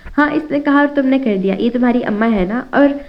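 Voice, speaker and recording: A woman's voice: a little high, fairly quick, close to an everyday voice. A woman voicing a stern older family patriarch in a storybook reading, dry and knowing, with slightly dull lo-fi sound.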